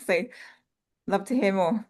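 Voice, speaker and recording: A woman's voice: medium pitch, takes it slowly, darkish tone. A woman hosting a panel interview, effusive and admiring toward her guests. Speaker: host.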